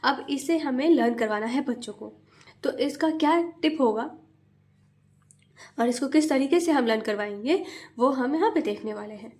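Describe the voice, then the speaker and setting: A woman with a slightly high voice hosts a teaching video for parents, speaking as a mother and tutor. She explains each step patiently and spells words out letter by letter in a slow, sing-song rhythm. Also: a little mellow. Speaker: mother and tutor, channel host.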